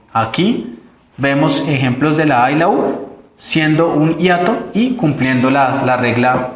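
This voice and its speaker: A man's voice: mid-range voice, echoey room. A man with a Colombian accent teaching a recorded online grammar lesson, explaining step by step with fillers and restarts.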